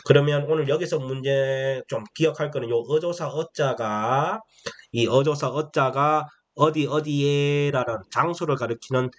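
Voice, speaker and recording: A man's voice: medium pitch, unhurried. Man teaching with rhetorical questions. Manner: explains with many rhetorical questions. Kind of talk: lecture on a classical text. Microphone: camera-facing recording.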